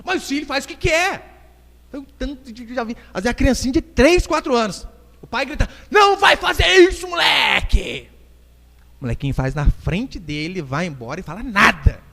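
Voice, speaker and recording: A man with a Brazilian Portuguese accent preaches from the pulpit of a church hall, his voice high and swinging up and down constantly. He jokes with the congregation and plays out quick scenes while making his point. The sound carries a long echo from the room. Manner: animated preaching with jokes and acted-out quotes. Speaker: pastor. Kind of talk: sermon.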